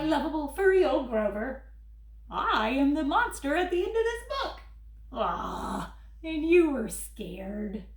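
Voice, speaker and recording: A woman's voice: sits high, pitched above the performer's own voice, exaggerated voice. A woman voicing Grover, a lovable furry male monster who frets and begs the listener not to turn the page, with gasps and pleading cries. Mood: sheepish. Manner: frantic, begging, gasping. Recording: roomy echo.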